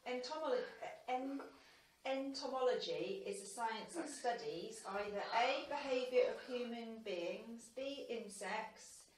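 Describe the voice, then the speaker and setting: A woman's voice: fairly high pitch, measured pace. A woman acting as quizmaster, casually reading out multiple-choice questions in an echoey bathroom, away from the microphone. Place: small tiled bathroom with shower. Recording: echoey, distant mic with light noise.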